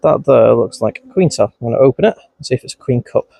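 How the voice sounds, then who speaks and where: Wearing a bee suit at his hives, a man with a mild Scouse-Wigan accent narrates his beekeeping vlog, chatting away and scolding the bees, his voice shooting up whenever he's startled. His medium-pitched voice is gravelly and warm, with lively intonation and a fast pace. His mic is clipped close, bees crawling across it.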